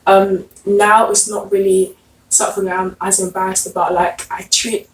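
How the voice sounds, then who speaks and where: A young woman talks casually at an even middle pitch, with many filler words. She is recorded from a distance in an echoey room with faint background noise. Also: moderate pace. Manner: casual, lots of "like". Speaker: guest. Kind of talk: casual group discussion.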